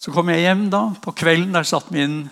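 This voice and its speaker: A man's voice: a little high, gravelly, a bit bright. An older man from Norway giving an earnest testimony and prayer as a preacher. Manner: earnest storytelling, ends in slow prayer. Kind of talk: sermon testimony. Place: church hall. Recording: long hall reverb.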